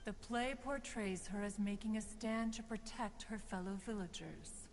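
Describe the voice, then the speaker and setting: In lofty, formal archaic speech, a woman plays an ancient female crane spirit for a game, referring to herself as one. Her delivery is lightly acted, mid-range and at normal speed, recorded with a big-room sound and a little hiss or hum.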